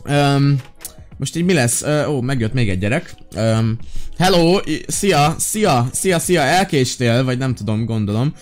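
A man playing a flustered kindergarten teacher in a game while commenting, excitable and prone to frantic, repeated pleading. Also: medium pitch, soft background music. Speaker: gaming YouTuber. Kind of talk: Minecraft role-play commentary.

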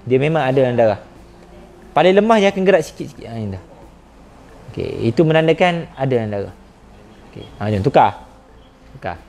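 Firm spiritual healer. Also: male voice, medium pitch, sing-song, quick pace, gravelly, pauses often, a little mellow, a little hiss or hum. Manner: probing, firm questioning. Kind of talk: healing session with questioning.

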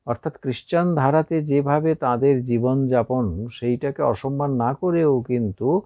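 A man with a Bengali accent giving an unhurried spiritual discourse, pausing often with fillers. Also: medium pitch, dark tone, no room sound. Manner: unhurried, with frequent pauses and fillers. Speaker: religious speaker.

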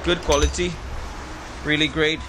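A man's voice: a little high, level tone, normal speed, background noise. A man in his thirties hosting an informal vlog tour, promoting products and repeating phrases for emphasis. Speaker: vlog host, sourcing agent. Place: large clothing warehouse indoors. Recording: loud background music. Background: music.

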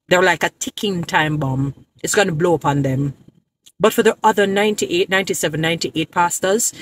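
A woman's voice: fairly low pitch, a little hiss or hum. A woman in her thirties talking straight to her phone camera from a parked car, defending churches in an emphatic, lecturing way and repeating points for emphasis. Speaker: social media creator. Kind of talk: direct-to-camera preaching commentary. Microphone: phone camera at arm's length.

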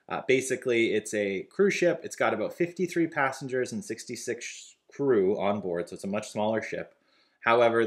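A man in his thirties co-hosts a relaxed news chat from a couch at home. His voice sits fairly low. He talks through the stories in an easygoing way. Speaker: co-host. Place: living room, on a couch.

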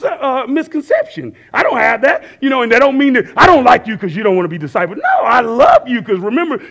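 A man in his thirties preaching a sermon on a church stage, talking casually with the crowd and rising now and then to shouts. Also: extremely high pitch, gravelly. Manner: conversational preaching, rising to shouts, asks the crowd to fill in words. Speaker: pastor. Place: church stage with screens and worship band behind.

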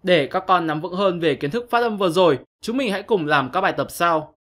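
A man's voice: high-pitched, animated, brisk, fairly bright tone. A man teaching an English lesson to young pupils, explaining patiently step by step in a scripted online-lesson narration.

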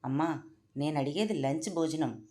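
A woman's voice: low voice, moderate pace, mellow, lightly acted. A woman voicing an overly courteous male production manager on a film set. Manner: courteous, eager.

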